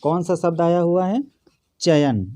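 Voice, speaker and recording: A man with a fairly high but mellow, dark voice teaches an exam-prep grammar lesson. He poses each question to his students and then answers it himself, going through the examples one step at a time. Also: unhurried. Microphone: phone or camera over a notebook.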